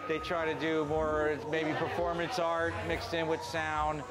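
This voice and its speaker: A middle-aged man, a festival organizer, talking in a casual interview in a bar, halting with fillers. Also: a little high, monotone, low-quality recording. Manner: laid-back, halting with fillers. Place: indoors in a bar.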